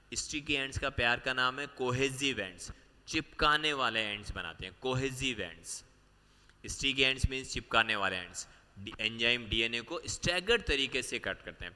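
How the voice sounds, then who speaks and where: A man gives an exam-prep biology lesson, walking through each step and circling back to repeat the key points. His voice is very bright and sharp. A long reverb trails after his words, like a large hall. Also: mid-range voice, smooth. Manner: explains step by step, mixing Hindi with English terms; repeats key points, asks students quick questions. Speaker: biology teacher.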